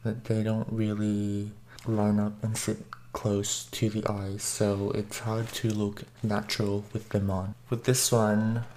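A man speaks from behind a face mask, his delivery slow and hesitant, full of small pauses and restarts. His pitch stays flat with little rise or fall. A faint hiss of noise sits under the recording. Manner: hesitant, many ums and restarts. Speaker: mask reviewer. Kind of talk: casual product review.

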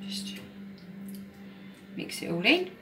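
A woman's voice: medium pitch, big pitch swings, takes it slowly, loud music behind the voice, low-quality recording. A middle-aged woman, a support worker giving a friendly home cooking demonstration and encouraging her viewers. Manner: chatty, encouraging, talks to viewers as "guys". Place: home kitchen, indoors. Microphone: phone camera on the counter. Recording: home phone recording with kitchen clatter.

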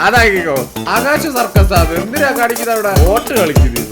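High-voiced excitable male gaming streamer. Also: fast. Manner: excitable, bossy, barks instructions at his partner. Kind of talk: casual co-op game commentary. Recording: game music playing under the voice.

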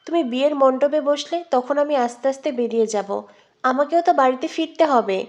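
A hurt, restrained young woman, voiced by a woman narrator answers in quiet, subdued, clipped lines. The voice stays high but softer and lower in volume than the surrounding narration. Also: brisk, dull audio, lightly acted.

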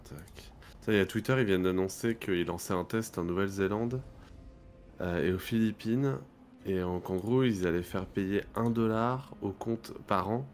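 A man's voice: on the low side, a little hiss or hum. A man streaming a video game and chatting casually as he plays. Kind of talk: casual chat while gaming.

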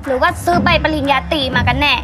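Woman acting high-voiced, wronged young labourer. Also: fast, close to an everyday voice. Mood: indignant, defiant. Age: young adult. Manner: earnest, protesting. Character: wronged, insistent young female migrant construction labourer. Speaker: actor in short drama. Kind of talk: acted melodrama dialogue. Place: outdoors at a building site. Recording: music under the voice.

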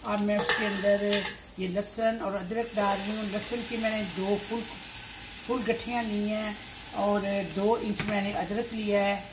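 An older Pakistani woman in her sixties speaks flatly and without hurry in a mid-range voice, giving step-by-step cooking instructions as she works at her home stove. As a cooking show host, she goes unscripted, repeating and restating her steps, while the echoey kitchen fills with sizzling, stirring, and clinking pots.

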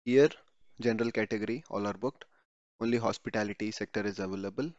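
The tutorial narrator has a fairly low, darkish voice and speaks quickly and conversationally over a screen recording for YouTube, repeating words and correcting himself mid-word. His home voice-over sounds dry and slightly dull.

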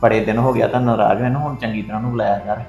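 Actor as a quick-talking peacemaker husband, echoey room. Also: male voice, lowish voice, gravelly, faint music behind. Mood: placating. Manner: calm, placating. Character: patient young husband soothing mother and wife.

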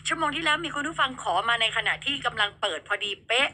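A woman's voice: high-pitched, expressive, fast, pushed and bright, a little hiss or hum. A woman hosting a radio show in casual chat, talking straight to her listeners. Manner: chatty, addresses listeners directly.

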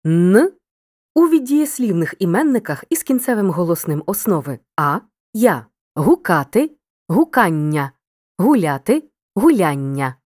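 A woman reading a scripted lesson, addressing the listener directly and spelling out example words clearly. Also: on the low side, sing-song, unhurried, a little mellow, no room sound, studio quality. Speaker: teacher.

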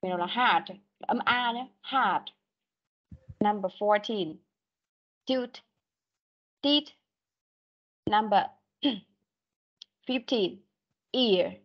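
A woman's voice: medium pitch, highs cut off. A woman teaching an English vocabulary class online, patiently calling out words one at a time for pupils to repeat. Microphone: computer mic on a video call.

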